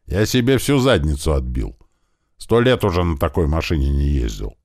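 A man doing a gruff muttering man. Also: extremely low pitch, sing-song, normal speed, darkish tone, dry recording, clean studio sound, heavily acted. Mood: grumbling. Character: gruff mumbling man, sore.

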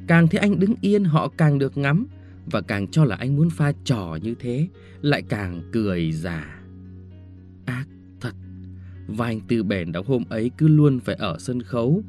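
A man's voice: mid-range voice, warm tone. A man reading a short story aloud as an audiobook narrator, telling it expressively and shifting tone with each scene.

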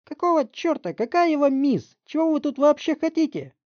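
A man voicing a loud, hot-tempered middle-aged housewife who screams and scolds in a shrill voice. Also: very animated, moderate pace, no echo, dull audio. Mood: shrieking outrage. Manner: shrieking, scolding, outraged.

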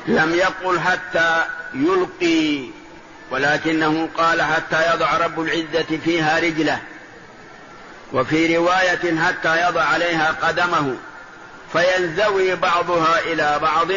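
A man giving a religious lesson, explaining a text deliberately and pressing his point with rhetorical questions. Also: fairly high pitch, level tone. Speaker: religious teacher. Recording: muffled old lecture tape with loud hiss.

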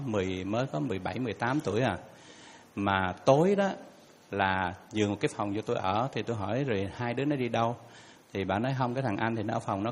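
A monk telling a story casually, hesitating with fillers and small laughs. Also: male voice, medium pitch. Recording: hall reverb with faint noise.

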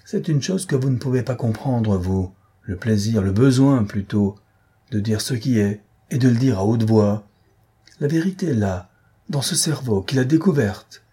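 A man's voice: medium pitch, lively intonation, moderate pace, mellow, husky. A man voicing a defiant, ardent young male journalist-detective in an audiobook reading.

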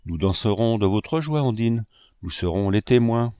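A man's voice: lowish voice, lively intonation, moderate pace, warm tone, clean tone, no echo, dull audio, lightly acted. A man reading aloud, voicing a group of young male painters pleading for forgiveness. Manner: pleading, fervent. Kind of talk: audiobook reading.

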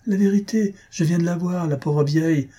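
A man reading aloud and voicing a flustered, excitable middle-aged bourgeois man with high agitated exclamations. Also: normal speed, breathy edge.

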